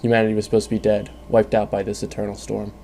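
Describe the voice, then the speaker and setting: A male narrator tells a second-person story in a calm, measured delivery. His voice is dark and gravelly, sitting low with little rise and fall. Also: slight background noise.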